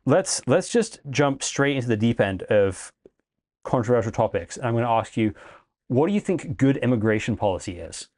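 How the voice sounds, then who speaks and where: Man, podcast host, mid pitch, chatty, friendly, slight stammer. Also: very animated, moderate pace, a little mellow. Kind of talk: casual interview hosting.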